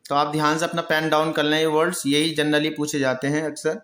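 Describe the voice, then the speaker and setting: A male teacher giving a vocabulary lesson, who explains patiently, answers his own questions and repeats each word slowly. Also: fairly high pitch, little pitch movement, fairly bright tone, roomy sound. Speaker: English pronunciation teacher. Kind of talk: Hindi-language vocabulary lesson.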